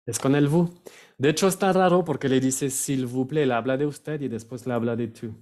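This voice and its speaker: A man teaching French pronunciation, repeating words slowly and sometimes searching for the right word. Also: mid-range voice, darkish tone. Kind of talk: pronunciation lesson.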